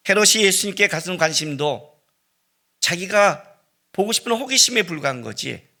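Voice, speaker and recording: A middle-aged man preaching a sermon as pastor, swinging between loud cries and hushed, near-whispered lines. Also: fairly high pitch, gravelly. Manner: dramatic preaching with sudden loud rises and hushed drops.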